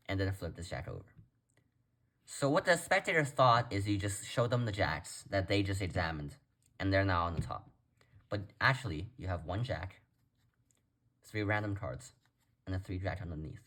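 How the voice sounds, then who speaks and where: Low-voiced man casually teaching step by step. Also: animated, moderate pace, pauses often, fairly bright tone. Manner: informal, conversational, addresses viewers directly. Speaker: card trick tutorial presenter.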